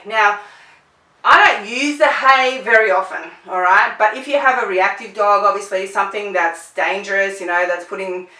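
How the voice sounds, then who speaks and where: A middle-aged woman explains dog training in a chatty, hands-on way, often checking in with "right?". Her voice is bright and clear, and she sounds a little away from the mic in a room with a roomy echo. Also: mid-range voice, far from the mic. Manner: conversational, checks in with frequent "right?"; acts out commands in sharp bursts. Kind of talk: instructional talk to clients.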